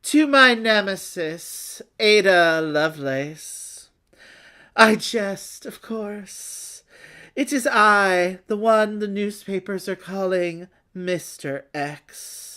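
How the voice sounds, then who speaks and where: Lady doing a salty sneering villain guy, loud and theatrical, drawn out and mocking. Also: mid-range voice. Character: sneering, taunting male villain writing letters.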